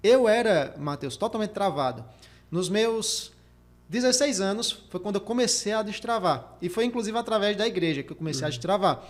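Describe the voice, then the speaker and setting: A man's voice: high voice, expressive, moderate pace. A man hosting a career podcast, speaking emphatically and repeating his key points as he demonstrates speaking techniques. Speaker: career coach and podcast host. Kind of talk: motivational podcast talk.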